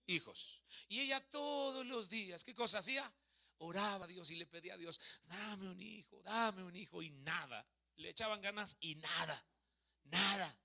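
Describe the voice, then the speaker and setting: A man in his thirties with a Mexican Spanish accent delivers a sermon in a church hall. His voice sits high with some vocal fry, at a normal speed. He's lively, putting questions to the congregation and trading jokes with them.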